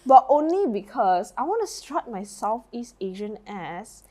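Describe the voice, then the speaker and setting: A woman's voice: fairly high pitch, big pitch swings, a little slow, dark tone. A young Malaysian woman with a Malaysian accent, co-hosting a casual chat podcast. She tells stories brashly and swears a lot. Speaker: podcast co-host.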